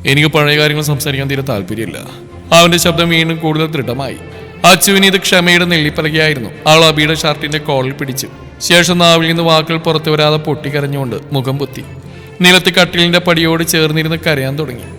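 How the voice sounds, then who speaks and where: A man narrates a scripted story in a dramatic, even manner. His voice is bright and slightly high, and it trails off into a long reverb over faint music. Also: fairly quick.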